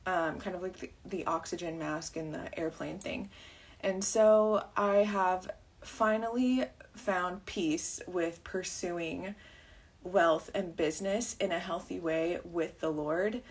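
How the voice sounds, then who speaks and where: Husky-voiced woman chatting casually on a livestream. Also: on the low side, takes it slowly. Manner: rambling, chatty, full of fillers and tangents. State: rough morning voice. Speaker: vlogger and wedding videographer.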